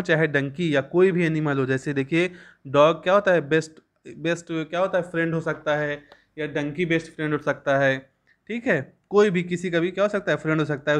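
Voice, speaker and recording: A young man gives a school lesson. His voice sits a little high. He reads each English line slowly, then explains it at length. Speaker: teacher.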